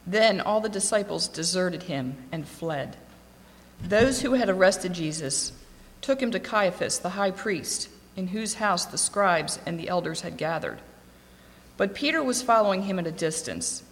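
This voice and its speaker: A woman reading scripture aloud in a steady, clear voice. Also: lowish voice, unhurried. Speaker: scripture reader. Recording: long echoing reverb.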